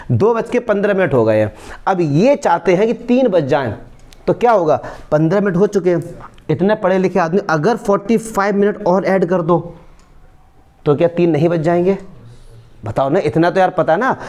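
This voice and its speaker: A man's voice: high-pitched, a little mellow. A man teaching a maths lesson for board exams, explaining step by step and checking often that students follow. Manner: coaxing, checks understanding often.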